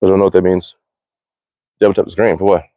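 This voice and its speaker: A low-pitched man speaks quickly and flatly while live-streaming by phone from his backyard archery range. He chats casually, rambles, keeps restarting, replies aloud to viewer comments, and swears under his breath after poor shots. The recording is dry and phone-quality.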